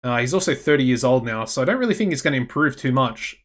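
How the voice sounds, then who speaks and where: Australian man, casual game commentary, chatty, excitable, thinking aloud, mid pitch. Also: fast talker. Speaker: gaming channel host.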